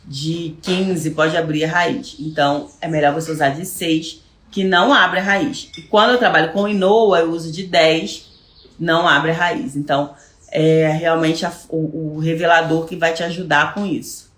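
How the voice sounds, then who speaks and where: A woman's voice: sits low, fairly even intonation, moderate pace, a bit bright. Chatty Brazilian woman teaching, echoey room. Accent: Brazilian Portuguese. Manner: chatty, repeats words while searching for them. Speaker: hairstylist teaching hair lightening. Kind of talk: live online class answering viewer questions.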